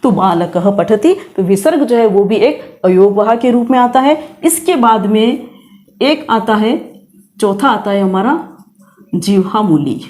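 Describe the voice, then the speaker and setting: A woman's voice: fairly high pitch, a little slow, darkish tone. A middle-aged woman teaching grammar, patiently explaining and repeating sounds aloud to demonstrate pronunciation. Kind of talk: classroom lesson, explaining pronunciation.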